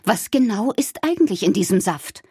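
A woman voicing an upset, scolding mother in a read-aloud story, her voice husky. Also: medium pitch, very animated, moderate pace, warm tone, dry recording, studio quality. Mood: suspicious.

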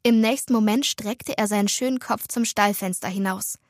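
A woman narrating a children's storybook in a measured, expressive reading. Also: medium pitch, no echo, studio quality. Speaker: audiobook narrator.

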